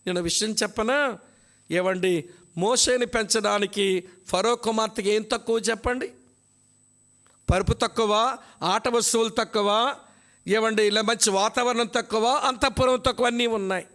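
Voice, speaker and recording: Emphatic high-voiced preacher man. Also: fairly bright tone. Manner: emphatic, asks the congregation questions. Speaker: pastor. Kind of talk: expository sermon. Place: church.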